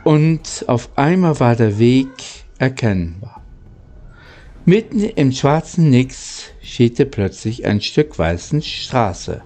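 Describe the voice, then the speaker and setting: With big pitch swings in a dark, mid-range voice, a storyteller and channel host reads a storybook aloud. He reads haltingly and now and then trips over or misreads his words.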